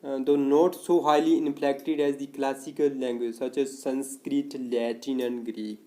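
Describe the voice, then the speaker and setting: A man's voice: medium pitch, level tone, measured pace, warm tone. A man giving a spoken literature lecture, hesitating often and restating each point in simpler words. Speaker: literature teacher. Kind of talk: spoken lecture explaining course notes.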